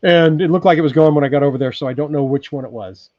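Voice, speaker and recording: A man's voice: on the high side, fast, no echo. Rambling man in his sixties, dull dry sound. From California. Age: 60s. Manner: rambling, relaxed, many ums and restarts. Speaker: livestream host. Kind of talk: casual live chat reading viewer comments. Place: off-grid cabin in Alaska.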